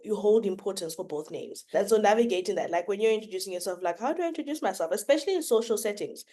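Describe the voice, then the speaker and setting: A woman's voice: mid-range voice, lively intonation, fast, mellow. A woman hosting a casual interview podcast, asking thoughtful, probing questions and hedging with "like" and "I don't know". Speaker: podcast host.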